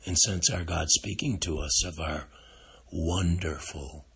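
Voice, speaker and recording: An older man with a frail, breathy, gravelly voice gives a gentle, contemplative devotional reflection on scripture, with long pauses. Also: low voice.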